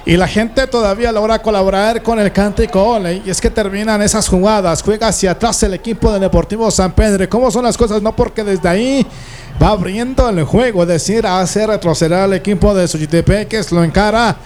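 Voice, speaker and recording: A man's voice: high voice, fairly quick, darkish tone. A man giving live play-by-play commentary on a football match. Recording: noisy live broadcast ambience.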